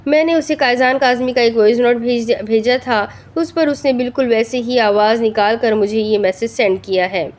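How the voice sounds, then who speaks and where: Eager male henchman, read by a woman, keen and reassuring, somewhat high voice, urdu novel reading. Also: fairly even intonation, few pauses, a little mellow, lightly acted.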